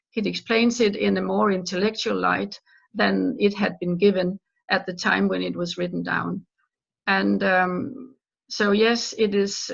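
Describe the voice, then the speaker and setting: The remote interview guest is an author from Denmark, a native Danish speaker with a gravelly, mid-range voice. Her answers are earnest yet halting, full of restarts, heard on dull lo-fi call audio.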